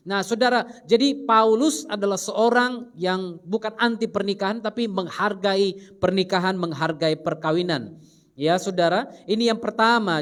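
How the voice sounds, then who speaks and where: A man as a pastor teaching a Bible study sermon in a lively, humorous way, acting out quotes. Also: sits high.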